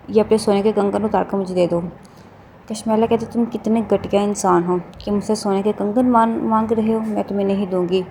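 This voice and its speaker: A woman's voice: medium pitch, mellow, a little hiss or hum. A woman casually retelling a TV drama's plot, narrating steadily with a few restarts. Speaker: drama episode recapper.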